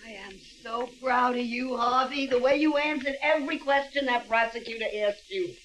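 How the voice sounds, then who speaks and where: A woman's voice: sits high, moderate pace, fairly bright tone, poor audio. An actress playing an older woman, the fussy and doting mother of a witness, in a 1980s TV drama. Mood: fond. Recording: TV soundtrack with faint music.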